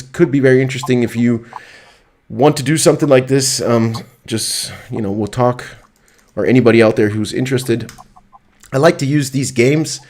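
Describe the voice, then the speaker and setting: A man's voice: medium pitch, darkish tone. A man co-hosting a live online show, talking in a loose, chatty way with plenty of fillers. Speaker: co-host. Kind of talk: casual live-stream chat.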